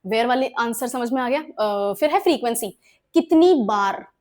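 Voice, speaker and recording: Indian woman teacher, high bright voice, grammar lesson in Hindi and English, keeps checking understanding. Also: animated, unhurried. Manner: explains in Hindi mixed with English examples, asks frequent check questions. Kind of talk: exam-prep grammar lesson.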